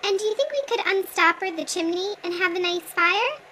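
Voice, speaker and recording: A woman voicing a small, polite gray male mouse who asks for things meekly and gently. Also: very high voice, animated, a little fast, a little hiss or hum, voice pushed up, exaggerated voice. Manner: meek, overly polite, gentle asking.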